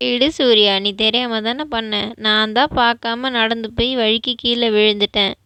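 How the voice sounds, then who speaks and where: A woman voicing a kindly elderly grandmother in a doll vlog, speaking softly and patiently. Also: on the high side, fairly even intonation, moderate pace, clean tone, no room sound. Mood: tender. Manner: soft, patient, affectionate.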